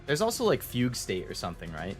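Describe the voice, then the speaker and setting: Talking quickly with big swings in pitch, this medium-pitched man chats casually and muses aloud while streaming a game. English is his first language, and the game's music and dialogue can be heard in the background.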